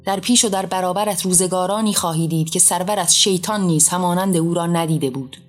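Woman reader plays a wrathful enthroned male deity; loud, commanding, shouted lines. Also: lowish voice, soft background music, natural voice. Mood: furious.

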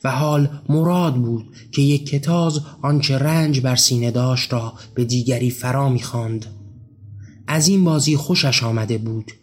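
Male narrator, scripted storytelling, measured and grave, faint background music. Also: medium pitch.

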